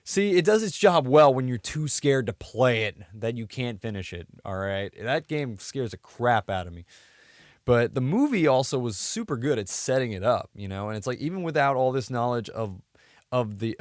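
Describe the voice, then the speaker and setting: A man co-hosting a podcast chats casually about video game films in a mid-range voice at normal speed. The recording is studio quality, with no room sound.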